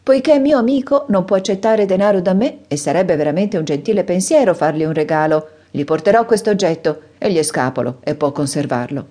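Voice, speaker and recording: A woman's voice: lowish voice, brisk, few pauses, warm tone, close to an everyday voice. A woman reading an audiobook voices a polite middle-aged male doctor, courteous and hesitant.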